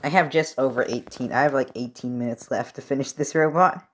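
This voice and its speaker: A man's voice: mid-range voice, fairly quick, a bit bright. A young man chatting casually while he works on a build, rambling with lots of fillers and restarts. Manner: rambling, filler-heavy, self-correcting. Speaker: robot-building video creator. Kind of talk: casual commentary while working. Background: TV football game.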